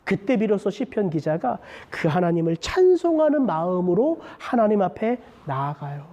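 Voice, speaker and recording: A man's voice: high voice, big pitch swings, normal speed, mellow, lo-fi sound. A man preaching a sermon as pastor in a church, dramatic, rising for emphasis and dropping to a near whisper. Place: church sanctuary.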